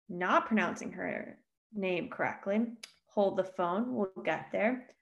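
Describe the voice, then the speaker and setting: A woman's voice: mid-range voice, vocal fry. A woman co-hosting a casual history podcast, rambling and self-deprecating with lots of fillers. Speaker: podcast co-host.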